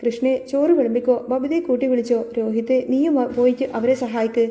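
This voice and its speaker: Woman reading as a calm guarded father. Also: a little high, brisk, close to an everyday voice. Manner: calm, soft-spoken. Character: older Kerala father, calm, guarded and reassuring.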